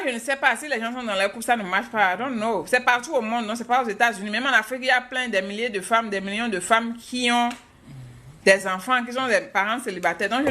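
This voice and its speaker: A woman's voice: on the high side, pushed and bright. A woman from Africa, a mother, hosting a live stream and chatting frankly with viewers while answering their questions. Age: adult, mother of a child.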